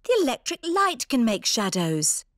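Gentle mother pig, soothing, playful, high, very lively pitch, dry sound. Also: normal speed, no room sound. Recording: dry cartoon recording with faint music.

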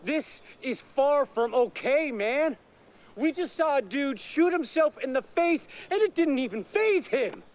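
A man's voice: very high voice, lively intonation, unhurried. An actor playing a terrified young male hiker in a film, swearing and agitated, talking outdoors in the woods. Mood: frantic. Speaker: panicked hiker. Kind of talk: film acting.

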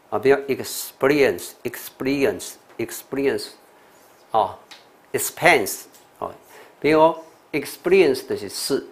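An older man with a Taiwanese accent, a monk teaching English pronunciation in a TV lecture, repeating sounds and words with many "oh" and "ha" fillers. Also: medium pitch. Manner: slow, repetitive drilling with fillers like "oh" and "ha".

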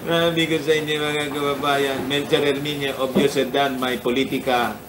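A man's voice: mid-range voice, flat delivery, moderate pace, far from the mic, noisy background. A man hosting a casual political commentary livestream, chuckling often and greeting his viewers by name. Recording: echoey room.

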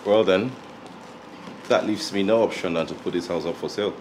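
Deep-voiced, resentful husband, acted by a man. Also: brisk, noisy background, natural voice. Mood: angry. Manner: indignant, emphatic. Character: resentful, proud jobless husband. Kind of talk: film drama acting.

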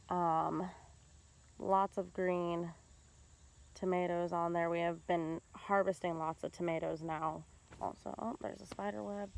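A woman's voice: fairly low pitch, gravelly, slight background noise. Chatty woman touring her garden. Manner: relaxed, chatty, frequent ums. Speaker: home gardener vlogger. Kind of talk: casual garden tour narration. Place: outdoor garden. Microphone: handheld phone camera.

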